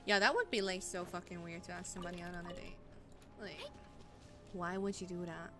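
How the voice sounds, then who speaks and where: A woman's voice: fairly low pitch, fairly even intonation, fairly quick, over music. A young woman streaming a game, chatting casually with lots of fillers and blunt swearing. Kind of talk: casual chat while gaming. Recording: noisy home stream mic.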